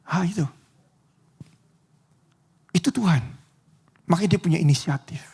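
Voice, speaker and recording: A man's voice: sits high, unhurried, darkish tone, slightly rough. A man preaching a casual sermon in church, joking with the congregation and often asking them to agree, sometimes dropping to a near whisper for dramatic moments. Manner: chatty, joking, often asks the congregation "betul ya?".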